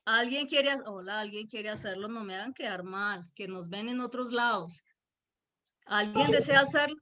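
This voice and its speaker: A woman's voice: medium pitch, normal speed, bright, forceful tone. A woman with a Boyacá Colombian accent preaching a virtual church sermon, emphatic, repeating key words and putting questions to her listeners.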